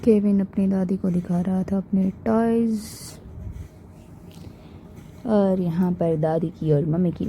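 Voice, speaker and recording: A woman's voice: on the low side, highs cut off, slight background noise. A woman narrating her family's day in a chatty, amused voice-over for her vlog, laughing often. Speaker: vlogger narrating family clips.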